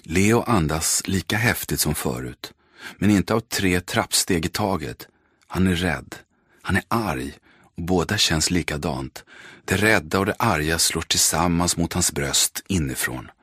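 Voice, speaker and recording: A man narrating an audiobook in measured, terse, dramatic sentences. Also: low voice, animated, a bit bright, breathy edge, dry recording, studio quality. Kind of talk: scripted narration.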